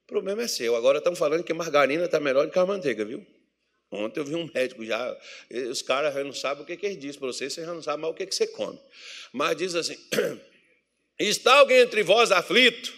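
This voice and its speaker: Preaching in church, this Brazilian pastor is humorous and animated, imitating the voices of anxious believers. He talks fast in a voice on the high side, with a Brazilian Portuguese accent.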